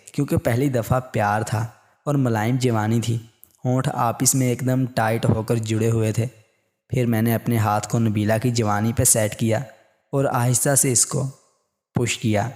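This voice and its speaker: A man narrating a written story in a calm, steady reading voice. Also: medium pitch.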